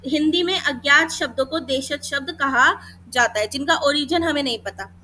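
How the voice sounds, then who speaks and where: Her voice sits high and comes across pushed and bright, with a little hiss or hum behind it. She's teaching Hindi grammar for exam prep, calling students beta, mixing in English, and sounding out letters slowly.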